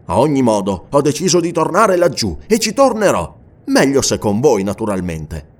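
A man voicing a restless, adventurous English gentleman in an audiobook, talking in a lively, emphatic, raised voice. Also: medium pitch, moderate pace. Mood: earnest. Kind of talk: audiobook character reading.

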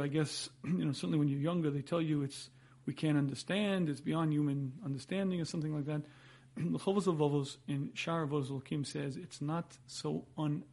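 Husky man lecturing. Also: a little high, dark tone. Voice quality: husky, frequent throat clearing. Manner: emphatic, rhetorical questions and repetition. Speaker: rabbi giving a Torah lecture. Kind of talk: religious lecture, explanatory teaching.

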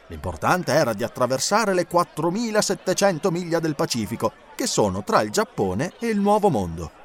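A man reading a novel aloud as narrator, in an expressive, lilting way. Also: medium pitch. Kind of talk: audiobook reading.

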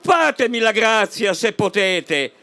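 A woman's voice: mid-range voice, big pitch swings, slow, a bit bright, pitched above the performer's own voice, heavily acted. A woman voicing a flustered old male parish priest who scolds his congregation from the pulpit in a recited comic poem. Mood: scolding.

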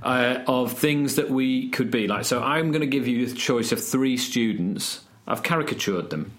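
Man, co-host, casual chat, jokey storytelling, even middle pitch. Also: normal speed. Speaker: podcast co-host.

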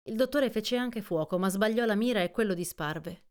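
A woman reading a classic adventure novel aloud as an audiobook, in an even, measured storytelling manner. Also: medium pitch. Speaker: audiobook reader. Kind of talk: scripted literary narration.

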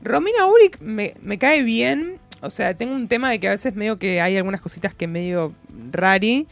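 A man's voice: high-pitched, lively intonation, normal speed, creaky, fairly bright tone, soft background music. A young man with an Argentine accent, gushing on a talk panel, with a voice he says sounds close to tears. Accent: Argentine Spanish. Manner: gushing, emphatic. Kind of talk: casual panel chat.

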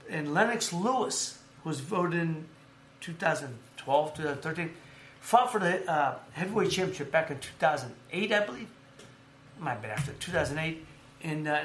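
In an echoey room with faint ambient hum, a podcast host with a slightly high voice tells animated, rambling stories about boxing and sports. His casual chat is packed with fillers and restarts.

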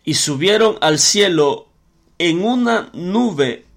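A man's voice: sits high, lively intonation, takes it slowly, creaky. A man preaching a sermon in an earnest way, often repeating words and using fillers as he works through scripture.

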